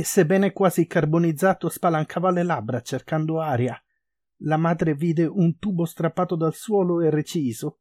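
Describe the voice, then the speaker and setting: A man's voice: fairly high pitch, a little mellow, no echo, studio quality. A man reading a novel aloud expressively, then commenting on it. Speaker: reader.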